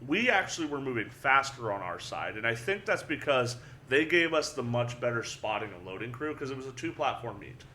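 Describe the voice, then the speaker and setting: A young adult man, a powerlifter and guest, telling a story in casual chat, animated and swearing freely, often repeating words. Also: mid-range voice, fairly quick, few pauses, a little hiss or hum.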